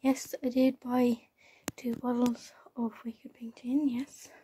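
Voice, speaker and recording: A young woman with an Irish accent chats casually to her vlog viewers in a rambling, halting way, often repeating herself. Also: a little high, level tone, dark tone, breathy edge. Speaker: vlogger. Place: at home, in a room.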